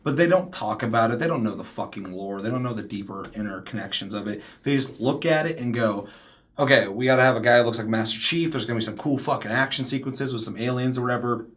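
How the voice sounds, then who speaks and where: This medium-pitched man is a fast-talking podcast host leading a casual panel discussion. He rants with emphasis, swears a lot, and drifts into imitating what other people said.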